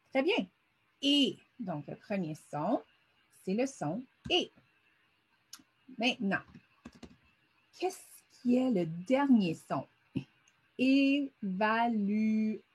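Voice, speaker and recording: A middle-aged woman teaches vocabulary in an unhurried, deliberate way. Her voice is slightly husky and breathy. She patiently breaks words into syllables and sounds as she goes. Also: mid-range voice. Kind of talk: vocabulary lesson narrated over a screen.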